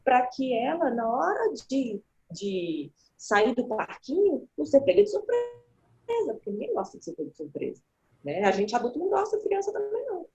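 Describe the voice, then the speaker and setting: A woman explains how small children learn to speak, with lively delivery and little voices for the people she quotes. Her voice sits fairly high. The recording is dull and lo-fi. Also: normal speed. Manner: animated, acts out quoted voices. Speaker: guest child development specialist. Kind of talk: explanatory conversation. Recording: dull lo-fi sound.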